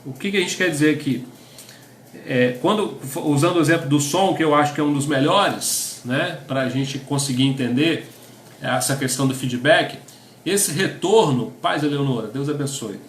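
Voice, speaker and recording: A man's voice: a little high, normal speed, roomy sound, slight background noise. A middle-aged Brazilian man, a pastor teaching couples in a conversational sermon, often tagging his sentences with a questioning aside. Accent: Brazilian Portuguese. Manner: conversational, tags lines with "né?", reads definitions aloud.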